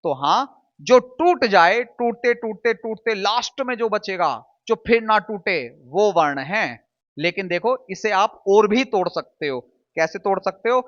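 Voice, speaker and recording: A man's voice: high-pitched, lively intonation, measured pace, a bit bright, lo-fi sound. A man teaching a Hindi lesson to students, patiently drilling sounds aloud and answering his own questions. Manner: asks questions and answers them himself.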